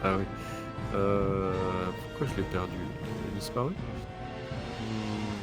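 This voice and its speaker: A man with a lowish voice runs a tabletop game as its game master. He muses aloud and pauses as he tracks the turns, while music plays steadily behind him. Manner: relaxed, thinking aloud with pauses.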